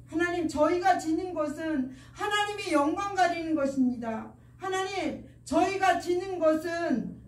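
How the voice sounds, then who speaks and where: Woman voicing a grieving man pleading with God, high voice, echoey hall from far off. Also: a little mellow, lightly acted. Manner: pleading, repeated cries. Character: male leader crying out to God in grief.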